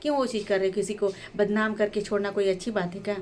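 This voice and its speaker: Woman vlogger, heated rhetorical commentary, average pitch, faint noise behind. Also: fairly even intonation, fast talker, darkish tone. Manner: heated, rhetorical questions, many restarts. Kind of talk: indignant commentary on a couple's breakup.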